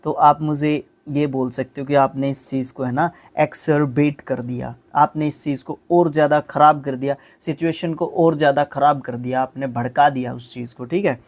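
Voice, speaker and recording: A man's voice: a little high, fairly even intonation, normal speed, few pauses. A man teaching English vocabulary, explaining patiently, checking in with listeners at every step and sounding out hard words syllable by syllable. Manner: explains patiently with constant tag questions. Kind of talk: vocabulary lesson.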